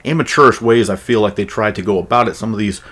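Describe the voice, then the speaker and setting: A man's voice: fast, fairly bright tone, husky. A man talking straight to his viewers as a gaming commentator, making an emphatic, argumentative case in his opinion commentary. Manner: emphatic, argumentative, mocks enemy voices in high falsetto. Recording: console capture voice-over.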